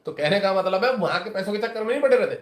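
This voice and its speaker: A man's voice: high-pitched, animated, racing, echoey room. A man, an astrologer and teacher, talking casually to his viewers in a rambling, chatty way and retelling conversations with his students.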